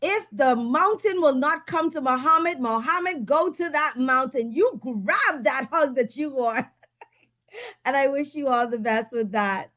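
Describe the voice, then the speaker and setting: High-voiced upbeat woman hosting online. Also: lively intonation, measured pace, a bit bright. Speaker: Table Topics master at a club meeting. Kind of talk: leading an online meeting. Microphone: video call.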